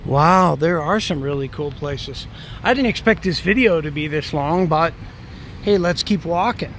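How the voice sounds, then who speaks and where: Walking through city streets with his camera, a travel vlogger speaks in a fairly high, slightly bright voice at a somewhat slow pace. His English, his first language, comes out as rambling, casual commentary full of "right?" tags, with traffic and street noise behind him.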